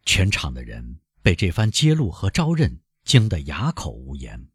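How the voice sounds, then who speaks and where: A man narrating an audiobook in a dramatic, expressive reading. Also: extremely low pitch, normal speed, husky, no echo, studio quality.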